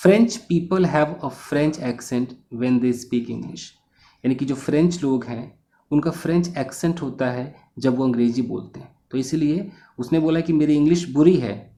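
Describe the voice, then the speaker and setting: A man who teaches English by reading a novel aloud, reading each English line slowly and then explaining it at length. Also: a little high, dark tone. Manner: reads English lines slowly, then translates and explains in Hindi; explanatory, acts out a sample accent in passing.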